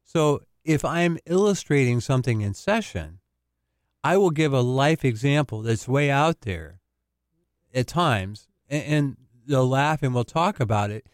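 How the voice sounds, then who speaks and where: A man's voice: mid-range voice, lively intonation, measured pace, clean tone, no room sound, studio quality. A male counselor talking casually on a radio show, explaining and laughing easily. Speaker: family counselor, guest.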